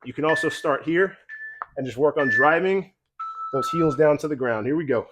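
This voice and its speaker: A man coaching a mobility routine while doing the moves himself, a little out of breath, calm and encouraging. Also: a little high, moderate pace, noisy background. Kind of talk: guided exercise instruction.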